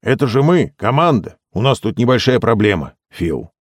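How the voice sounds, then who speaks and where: A man voicing a brash young man who speaks loudly and with exasperation. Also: mid-range voice, big pitch swings, moderate pace, husky, dry recording, clean studio sound, voice pushed up. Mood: coaxing. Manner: loud and exasperated.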